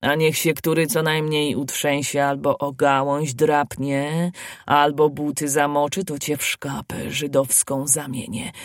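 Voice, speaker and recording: A storyteller voicing a brisk, bossy gnome who speaks gruffly in a lowered voice. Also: dry recording, clean studio sound, lightly acted. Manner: gruff, commanding, low.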